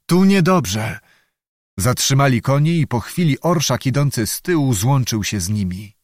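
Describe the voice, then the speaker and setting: A man narrating a literary audiobook in a measured, steady storytelling manner. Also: mid-range voice, no echo, clean studio sound.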